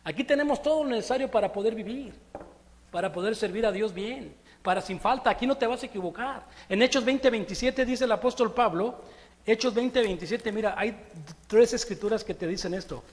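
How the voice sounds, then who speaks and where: Man, preaching, rhetorical questions, fairly high voice, long reverb of a church hall. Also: fairly quick. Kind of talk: sermon.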